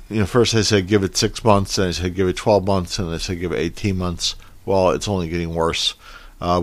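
A middle-aged man talking candidly and haltingly about his own life, his words slightly numb-mouthed, as if he had marbles in his mouth. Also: deep voice, fairly bright tone, no echo. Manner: halting, hesitant. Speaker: podcast host. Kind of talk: candid personal monologue.

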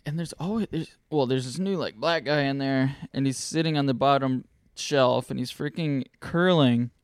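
A man co-hosting a podcast, telling a funny story in a casual, animated way with lots of laughter. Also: mid-range voice, moderate pace, smooth, dry recording. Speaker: podcast co-host.

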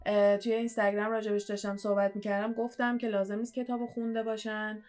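A young woman chats freely as a podcast co-host, her words tumbling out with fillers and quick self-corrections. Her pitch sits in an ordinary middle range, and a faint bed of music plays underneath. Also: flat delivery, a little mellow. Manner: chatty, fast, many fillers and restarts. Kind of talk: casual podcast chat.

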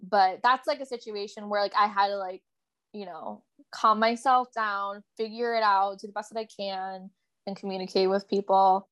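A woman's voice: medium pitch, fairly even intonation, moderate pace. A young woman co-hosting a podcast, telling a story in casual chat with lots of filler words. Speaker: podcast co-host.

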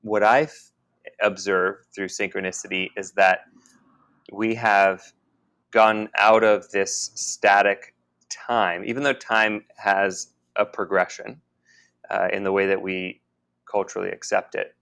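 A man co-hosting a podcast, talking in a halting, musing way with many restarts. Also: lowish voice, flat delivery, gravelly, a bit bright. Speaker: podcast co-host. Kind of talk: casual spiritual conversation.

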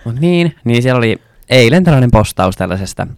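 A man's voice: mid-range voice, expressive, a little hiss or hum. A young man co-hosting a casual podcast chat, swearing freely and acting out stories with quoted dialogue. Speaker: podcast co-host.

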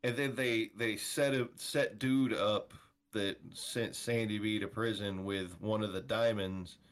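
A man's voice: on the low side, steady tone, measured pace. A man co-hosting a casual movie podcast, recapping plot points and agreeing with the others. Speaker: podcast co-host. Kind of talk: casual movie review chat.

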